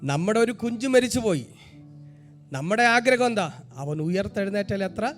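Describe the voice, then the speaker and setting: A man with a Malayali accent, a pastor preaching a Pentecostal sermon that swings from hushed storytelling to shouted exhortation, peppered with amens and hallelujahs. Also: high-pitched, lively intonation, normal speed, soft background music. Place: church sanctuary.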